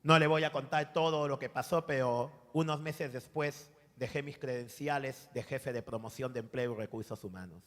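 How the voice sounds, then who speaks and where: A man in his forties with a Peruvian accent gives a lively sermon testimony, acting out dialogue and calling listeners brother. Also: medium pitch, normal speed, few pauses, big-room sound. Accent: Peruvian Spanish. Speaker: preacher giving testimony.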